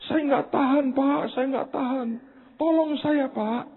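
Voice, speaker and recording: A man preacher voicing a desperate crying widow who begs him for help in a high, pleading wail. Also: steady tone, measured pace, in a large hall. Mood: pleading, tearful. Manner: high pleading wail, pitched far above his own voice. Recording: tinny phone-like sound.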